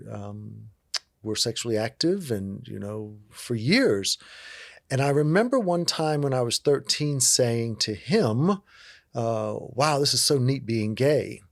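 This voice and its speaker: A man's voice: mid-range voice, vocal fry, no room sound, studio quality. A man in his fifties from Virginia, a guest in an interview, telling his life story in a reflective, rambling way with many fillers. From Virginia, USA. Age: 50s. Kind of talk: casual storytelling.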